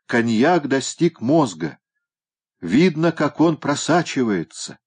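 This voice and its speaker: A man playing a calm, matter-of-fact man. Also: mid-range voice, slow pace, breathy edge, voice pushed up, heavily acted.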